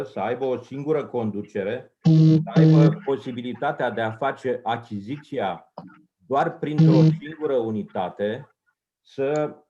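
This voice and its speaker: A council member speaking up in a meeting, arguing earnestly with figures and pausing with fillers. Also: male voice, mid-range voice, warm tone, highs cut off, slight background noise. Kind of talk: spoken intervention in a meeting. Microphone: remote microphone.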